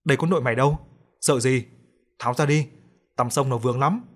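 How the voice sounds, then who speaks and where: A man voicing a cheeky, pushy village kid who teases quickly. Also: mid-range voice, close to an everyday voice. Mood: teasing.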